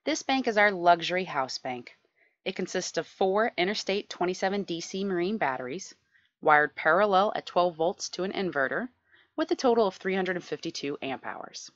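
A woman in her thirties, a sailing vlogger, explaining her boat's power setup in a clear, informative tour-guide way from inside a cramped engine room. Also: fairly low pitch, expressive, normal speed, lo-fi sound.

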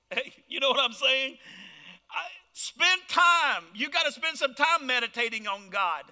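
Bright high-voiced fervent male preacher. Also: expressive, slow, pauses often, in a large hall. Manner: fervent preaching with call-and-response asides. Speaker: pastor. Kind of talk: sermon. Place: church.

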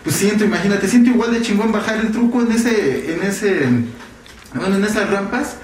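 A man in his thirties with a Mexican accent, talking in a slangy, animated way during an interview. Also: high-pitched, moderate pace. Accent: Mexican Spanish. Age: 30s. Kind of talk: casual interview answer. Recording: echoey room with noise. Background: noise.

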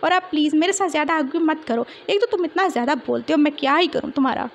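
A talkative young woman, bossy and teasing, with a high bright pitch; a woman acts her in her own voice. Light noise hums behind the storybook telling. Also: fast talker, muffled recording.

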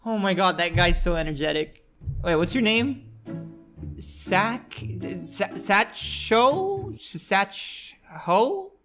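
A man's voice: sits high, expressive, very slow, pushed and bright, soft background music. A man in his twenties giving casual, chatty commentary as a reaction video host on a headset mic. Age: 20s.

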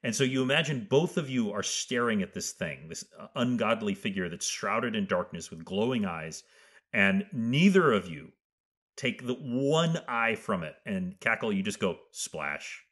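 A man narrating a tabletop game as game master, improvising in halting, deliberate phrases. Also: on the low side, expressive, fairly bright tone, slightly rough.

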